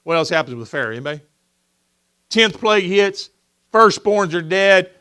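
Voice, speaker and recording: A man preaching a sermon in a church, animated and talkative, often putting questions to the congregation and slipping into the voices of the people he tells about. His voice sits high for a man and sounds bright and forceful. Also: moderate pace, clear, resonant tone. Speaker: pastor. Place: church sanctuary.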